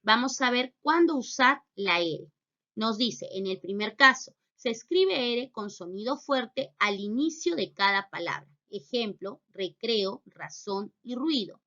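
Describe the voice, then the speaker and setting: A woman teacher giving a recorded spelling lesson, reading out rules and example words slowly and clearly. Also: on the high side, lively intonation, sharp tone. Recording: dull, lo-fi recording.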